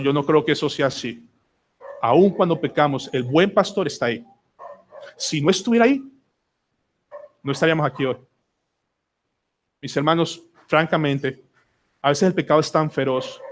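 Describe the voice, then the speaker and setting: A man with a Colombian accent preaching a sermon in a church, earnest, with dramatic pauses and repeated words. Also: a little high, a little hiss or hum. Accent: Colombian Spanish. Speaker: pastor. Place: church sanctuary.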